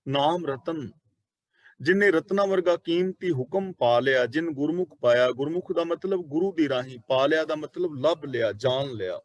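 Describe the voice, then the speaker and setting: A man with a Punjabi accent giving a line-by-line commentary on Sikh scripture, repeating each verse and slowing down to explain it. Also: fairly high pitch.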